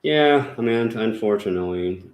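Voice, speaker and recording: A man with a fairly low voice hosts a ghost-hunting channel from his home. He talks casually and rambles, stopping and restarting with plenty of fillers. The room gives his voice a noticeable echo. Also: animated, normal speed, darkish tone. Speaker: paranormal investigator channel host. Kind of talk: casual chat. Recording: roomy echo.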